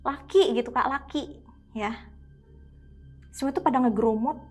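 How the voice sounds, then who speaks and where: A woman's voice: high-pitched, animated, moderate pace, husky, soft background music. A young woman, telling a personal experience in a casual chatty way, often addressing her listener and acting out what people said. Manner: acts out quoted speech with sudden exclamations. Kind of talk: casual spoken storytelling. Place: podcast studio.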